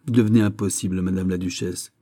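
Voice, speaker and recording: A man voicing a cold, calculating royal minister in an audiobook, measured and formal. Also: sits low, steady tone, mellow. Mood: firm. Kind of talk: audiobook character reading.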